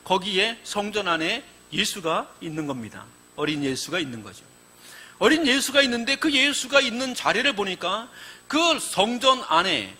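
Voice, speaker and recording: Male pastor, sermon, very high and bright voice, vivid storyteller who acts out the quotes. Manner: animated storytelling, acting out quoted lines.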